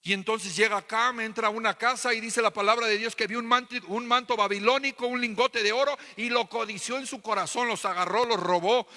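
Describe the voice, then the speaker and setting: A man's voice: extremely high pitch, fairly even intonation, fairly quick, hardly any pauses, sharp tone, in a large hall. A man with a Mexican Spanish accent preaching a sermon as pastor, with emphatic repetition and rhetorical questions. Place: church hall.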